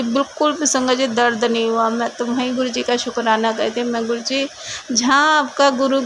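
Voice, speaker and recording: A woman's voice: fairly high pitch, fairly bright tone, a little hiss or hum, low-quality recording. A middle-aged woman tells her devotional testimony in an earnest, grateful way and keeps repeating her thanks.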